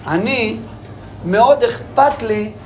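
A man's voice: extremely high pitch, lively intonation, a little hiss or hum. A man doing an indignant proud brother. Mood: insistent. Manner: earnest, insistent.

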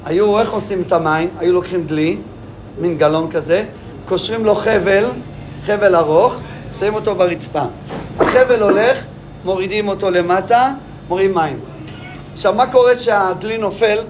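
A man teaching students by retelling a story and asking the class lively questions. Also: sits high, a little hiss or hum.

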